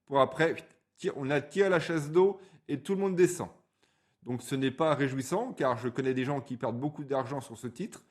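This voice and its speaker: A man's voice: mid-range voice, normal speed. A man hosting a stock chart channel, giving blunt, colloquial market commentary over a screen recording, stumbling over words now and then.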